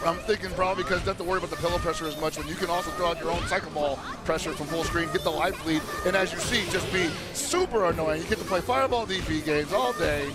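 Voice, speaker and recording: A man's voice: on the high side, fast, few pauses. A man giving casual, slangy live commentary on a fighting game tournament. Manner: slangy, colloquial. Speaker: esports commentator. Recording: loud music and crowd behind. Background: tournament music and crowd.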